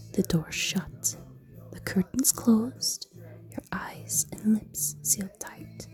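A woman voicing a seductive, menacing female succubus in an erotic audio roleplay, in a slow, teasing, commanding whisper. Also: lowish voice, heavily acted. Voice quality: soft, breathy whisper.

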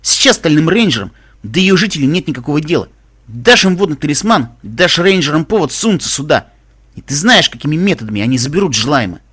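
A man's voice: fairly high pitch, sing-song, fast, fairly bright tone, slightly rough, exaggerated voice. A man voicing a brash, cocky male pegasus pony who talks bluntly and teases his friends, in a storybook reading. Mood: warning.

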